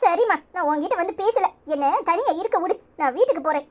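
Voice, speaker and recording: Woman voicing a pleading young daughter in a Tamil village cartoon, Tirunelveli accent, bright high voice. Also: expressive, quick pace. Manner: pleading, earnest.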